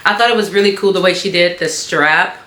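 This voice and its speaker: Hoarse woman with a smoker's rasp. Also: fairly low pitch, fairly quick, sharp tone. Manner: bubbly, gushing. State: hoarse from being sick. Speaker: host of bag-sewing tutorials. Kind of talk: casual chatty craft vlog. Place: small indoor craft studio. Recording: roomy echo, background hiss.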